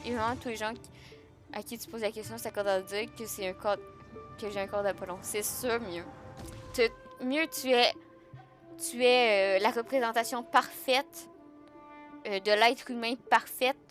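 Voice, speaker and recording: A woman's voice: on the high side, a bit bright. Joking Québécois woman streaming live. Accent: Québécois French. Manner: joking, chatty, laughs often, answers chat. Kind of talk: casual live-stream chat.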